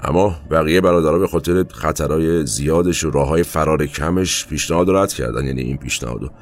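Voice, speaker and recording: A man narrating his own past in a colloquial, halting way, with asides and trailing fillers, over faint background music. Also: very deep voice. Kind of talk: first-person spoken recollection.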